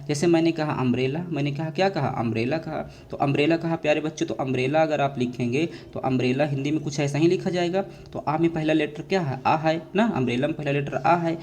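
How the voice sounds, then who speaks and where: A man's voice: on the high side, darkish tone, a little hiss or hum. Man teaching grammar in call-and-response. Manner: repetitive call-and-response drilling, addresses students as dear children. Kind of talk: classroom lecture, asking and answering his own questions.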